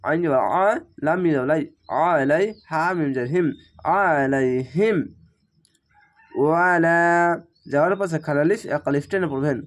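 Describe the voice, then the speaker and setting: A man teaching Quran reading, spelling each letter and vowel aloud, then chanting the whole word slowly. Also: on the high side.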